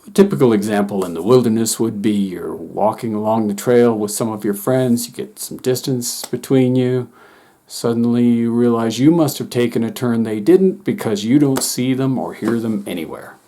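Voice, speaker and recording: A middle-aged man, a former wilderness instructor, calmly explaining a coping technique to teachers in a steady, reassuring way. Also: on the low side. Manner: calm, steady, gently reassuring. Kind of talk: calm instructional talk to teachers.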